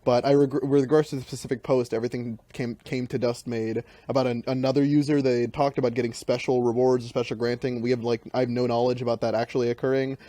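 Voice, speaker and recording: A man on a developer livestream who talks fast and rambles, with many fillers and restarts. His voice is mellow and warm, and the recording is dry and close to the mic. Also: medium pitch, flat delivery, no room sound. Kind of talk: casual livestream chat.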